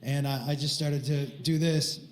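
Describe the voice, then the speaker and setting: A man's voice: fairly high pitch, measured pace, reverberant. A man doing stand-up, telling a crude prank story and acting out the other voices. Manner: animated, acts out voices and crude jokes. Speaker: stand-up comedian.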